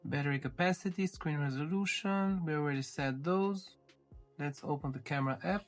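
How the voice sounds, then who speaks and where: Over soft background music, a man with a higher-pitched voice talks at normal speed while unboxing a gadget. His commentary is an informal tech review, walking through each step as he handles the device.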